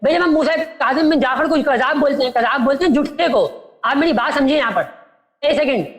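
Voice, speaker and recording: A man calling in to a religious debate who insists on being heard out. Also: very high-pitched. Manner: insistent, keeps asking to be heard out. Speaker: caller.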